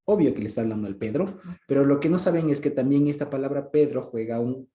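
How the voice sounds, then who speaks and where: A man with an Ecuadorian Spanish accent giving an informal Bible teaching, speaking conversationally and often stopping to ask if he is understood, with soft chuckles. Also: mid-range voice, fast talker, echoey room. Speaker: preacher.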